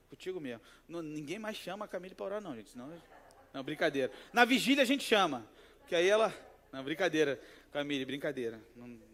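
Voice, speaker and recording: A man with a Rio de Janeiro accent, preaching a casual, conversational sermon in church, telling personal stories and playfully acting out the voices in them. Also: high voice. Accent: Rio de Janeiro Portuguese. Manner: animated storytelling, acts out quoted voices, jokes with the congregation. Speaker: pastor. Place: church sanctuary.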